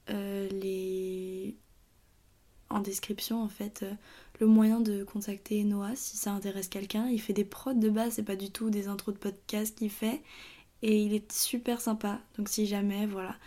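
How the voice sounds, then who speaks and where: A woman's voice: mid-range voice, flat delivery, mellow. Tired, hesitant young woman talking. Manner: hesitant, halting, many fillers and restarts. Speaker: podcast host. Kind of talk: casual personal monologue.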